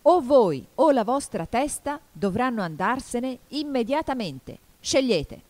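A woman voicing a furious, imperious queen who shouts her commands. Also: mid-range voice, sing-song, normal speed, voice pushed up, lightly acted.

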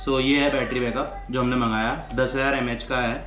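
A man's voice: medium pitch, little pitch movement, a little fast. Chatty young man vlogging at home. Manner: chatty, teasing. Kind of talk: casual vlog chat. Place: home living room at night. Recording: echoey room with background noise.

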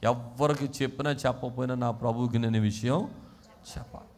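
A male pastor from Andhra Pradesh preaching a sermon, swinging from quiet talk to shouting and calling the congregation to respond. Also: mid-range voice, steady tone, a little fast. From Andhra Pradesh, India.

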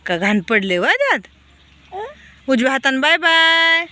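A woman's voice: sits high, big pitch swings, a little slow, pushed and bright. A woman, vlogging at home as she coaxes her toddlers in a sing-song voice. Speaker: vlogger and mother. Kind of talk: casual home vlog talking to small children.

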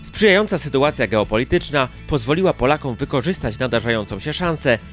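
A man's voice: mid-range voice, lively intonation, a little fast. A man reading scripted news narration as the narrator of a local news chronicle. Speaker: newsreel narrator. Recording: music under the voice. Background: background music.

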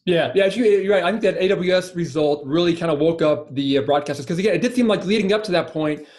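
A man in his forties hosts a conversational interview from a studio, rattling along at a quick clip. His voice sits slightly high, and he hedges and circles his points with plenty of fillers. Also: a little mellow. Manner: rambling, hedging, many fillers. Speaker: interview host. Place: studio with printed logo backdrop.

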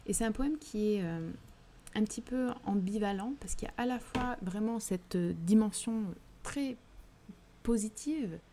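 A woman's voice: medium pitch, measured pace, mellow, slight background noise. A woman with a southern French accent, hosting a live book discussion, speaking thoughtfully with frequent hesitations and restarts. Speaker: literary livestream host. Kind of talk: live book discussion reading chat questions.

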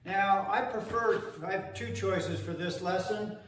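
A higher-voiced older man in his sixties hosts a jokey home how-to, talking slowly and rambling with plenty of fillers. His voice rings around an echoey hallway, with a faint hiss underneath. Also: a bit bright. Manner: joking, playful, rambling with fillers. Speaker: host. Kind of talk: comic how-to demo. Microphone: wireless earbuds.

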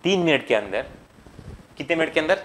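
A male chemistry teacher giving an online lecture, chanting memory rhymes line by line, coaxing students to repeat after him and checking understanding with quick questions. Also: a little high, lively intonation, fairly bright tone, slight background noise.

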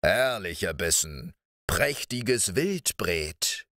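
A man voicing a greedy, menacing man-eating giant in a storybook reading, speaking low and slowly. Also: sing-song, bright, forceful tone, no echo, studio quality, full character voice. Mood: gloating. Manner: low, slow and sniffing.

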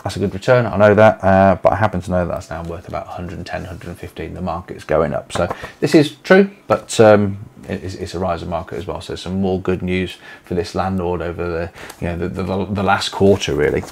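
Low-voiced English man rambling at desk. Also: brisk, creaky, a little hiss or hum. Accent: English, East Midlands. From England. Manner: rambling, filler-heavy, restarts often. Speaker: letting agency owner. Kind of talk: casual walkthrough to camera. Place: small home office, indoors.

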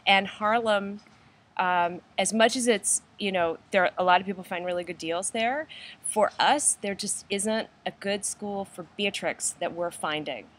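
A woman's voice: medium pitch, a little slow, fairly bright tone. A middle-aged woman, chatting casually and telling stories with frequent laughter. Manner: chatty, laughs often, tells stories animatedly. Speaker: host. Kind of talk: casual chat.

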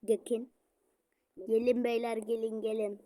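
A young woman playing a game with a friend, needling and teasing her and counting the seconds out loud. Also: a little high, level tone, a little slow. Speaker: gamer. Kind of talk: casual gaming banter.

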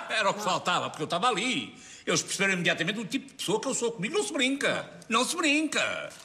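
An actor playing a boastful, bumbling middle-aged café owner, speaking with a blustering comic delivery. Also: male voice, sits high, lively intonation, rapid-fire, bright, forceful tone, big-room sound, exaggerated voice. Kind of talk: sitcom acting.

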